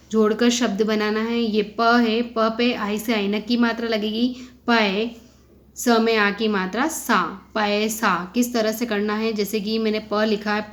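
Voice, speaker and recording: Slow, patient woman teaching phonics. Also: medium pitch. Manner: sounds out syllables one by one and asks questions. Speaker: kindergarten Hindi teacher. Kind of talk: slow spelled-out phonics lesson.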